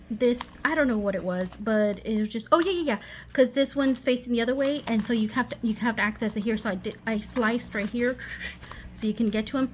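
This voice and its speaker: A woman giving a casual, rambling craft show-and-tell in her living room over a running washing machine, often losing her thread and interrupting herself. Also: a little high. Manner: scattered, self-interrupting, giggly asides. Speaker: craft vlogger. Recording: washing machine noise in background.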